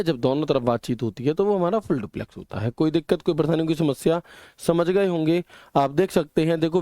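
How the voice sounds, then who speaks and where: A man's voice: fairly high pitch, mellow, no room sound, studio quality. A male computer teacher with a way of speaking, lecturing in a chatty style and often checking whether the students understood. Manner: chatty, keeps asking "ठीक है", homely examples. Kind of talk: classroom lecture.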